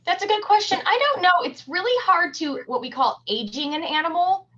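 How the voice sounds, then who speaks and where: With a very high, bright and forceful voice, a humane society educator speaks expressively and fairly quickly to children on a virtual field trip. She explains everything simply and encouragingly. Her computer captures it over a video call in dull, lo-fi audio.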